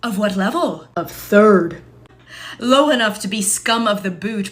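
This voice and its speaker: A woman plays a pompous fantasy snob who lectures in stilted mock-medieval speech. The voice is haughty and lively, swinging widely in pitch.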